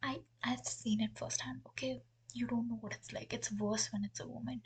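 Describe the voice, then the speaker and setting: A woman's voice: on the high side, steady tone, moderate pace, slightly rough. A young woman tells a story in a candid, exasperated way and swears freely, her voice half-whispered. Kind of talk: storytime vlog.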